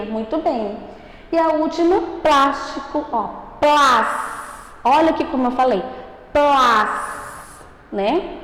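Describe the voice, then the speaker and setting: Brazilian woman, primary teacher, high voice, drawn-out and emphatic, taped remote lesson with a ringing echo. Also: a little mellow. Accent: Brazilian Portuguese. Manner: slow, emphatic, stretches out syllables; asks questions and answers them for the class. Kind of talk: recorded remote grammar lesson for children. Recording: echoey room with long reverb.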